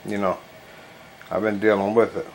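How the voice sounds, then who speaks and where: A man talking casually and haltingly in a home product review, with a stuffy nose as if packed with gauze. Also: on the low side, little pitch movement. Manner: loose, colloquial, halting with frequent verbal tics. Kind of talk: casual rambling video review. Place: bedroom at home. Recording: noisy home recording, clear background noise.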